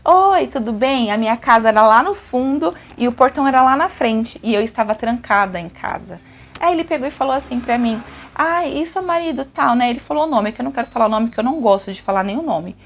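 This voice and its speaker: A woman's voice: fairly high pitch, animated, fast, slight background noise. Chatty Brazilian young woman confiding. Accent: Brazilian Portuguese. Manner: chatty, addresses viewers directly. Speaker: vlogger. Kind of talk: emotional personal confession.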